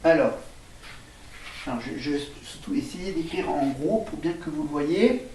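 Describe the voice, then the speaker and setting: A man talks through a casual home vlog, unhurried and halting, stopping to spell words as he writes them on a board. His voice sits a little high and comes from some distance off the camera mic. The room is echoey, with a faint hiss underneath. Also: warm tone. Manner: hesitant, many fillers and restarts. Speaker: vlogger.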